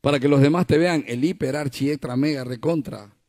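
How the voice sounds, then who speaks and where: A man's voice: fairly high pitch, fairly quick, a little mellow, pitched below the performer's own voice, close to an everyday voice. A male preacher voicing God as a teasing, firm father figure who refuses a request in a mock-stern, playful tone.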